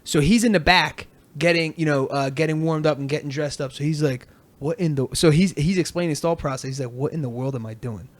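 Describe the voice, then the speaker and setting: A man's voice: a little high, a little fast. A man hosting a podcast in casual chat, telling stories with energy and acting out quotes. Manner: animated storyteller, acts out quotes. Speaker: podcast host.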